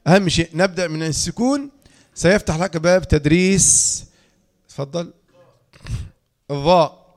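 A man's voice: high-pitched, moderate pace. A man with an Egyptian accent teaching Quranic letter pronunciation to trainee teachers, demonstrating sounds and asking his students questions. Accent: Egyptian Arabic. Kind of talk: lecture on tajweed pronunciation.

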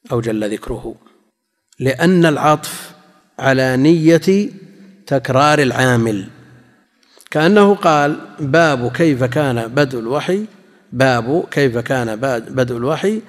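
A man giving a classical religious lesson, measured and explanatory, often repeating key phrases for his listeners. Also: medium pitch. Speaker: Islamic scholar teaching hadith commentary. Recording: long reverb in a large hall.

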